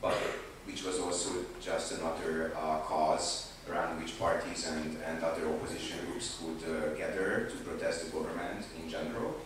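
On a conference panel, a young man with a Hungarian accent, an activist, speaks in a very deep voice with little pitch movement. He goes slowly and deliberately, often hesitating and starting over from a sofa in a large indoor room. The handheld mic is heard via a far camera, so the audio is echoey, distant and noisy.

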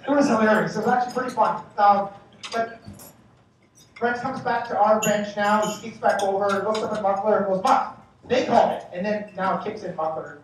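A man's voice: sits high, unhurried, pauses often, slight background noise. Man telling a rowdy story in an echoey banquet hall. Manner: animated, joking anecdotes with acted-out shouting. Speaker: master of ceremonies. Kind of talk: after-dinner storytelling speech. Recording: echoey hall from far off, faint dish clatter.

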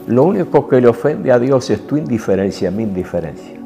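A man with a Rioplatense Spanish accent preaching a sermon in an intimate, emotional way, moving from soft hushed passages to forceful rises. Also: medium pitch, lively intonation, fairly quick, vocal fry, faint music behind. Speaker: apostle preaching.

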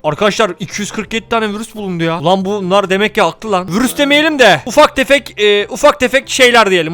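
An excitable young man gives running commentary on a game, addressing his viewers and cursing at things on screen for fun. His voice sits high, and he rattles along at a quick clip. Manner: excitable, swears jokingly, talks to viewers. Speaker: gaming video creator.

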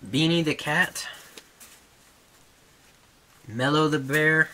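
A man's voice: on the high side, drawn-out words, bright, forceful tone. A man casually showing off his toy collection at home, chuckling and stopping to talk to his dog. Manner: chuckling, easily distracted, talks to his dog between items. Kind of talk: casual home video show-and-tell.

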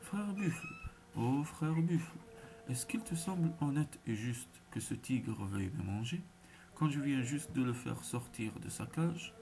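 A man's voice: mid-range voice, lively intonation, a little slow, mellow, slight background noise. A man voicing an anxious poor male brahmin who pleads urgently. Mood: pleading. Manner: urgent, imploring.

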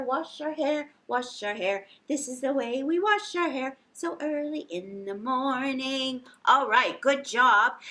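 In a lounge with a couch and fireplace, a children's library storytime host runs a sing-along session for little ones. She is a middle-aged woman with a high voice, animated and encouraging, alternating singsong verses with simple instructions for her young listeners.

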